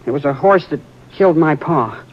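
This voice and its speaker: Heard through a dull old radio broadcast, this actor from a 1950s drama voices a scared, troubled ranch boy making a confession. He speaks on the high side, animated and at a moderate pace, sounding pleading and defensive.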